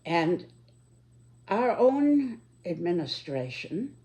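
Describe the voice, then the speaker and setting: A very old American woman in her nineties speaks in a low register with a slow, careful pace. She pauses often as she reflects aloud, choosing her words deliberately in a measured, halting elderly delivery. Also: big pitch swings, mellow. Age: 90s, very old. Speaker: speaker giving personal reflections. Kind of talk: reflective monologue.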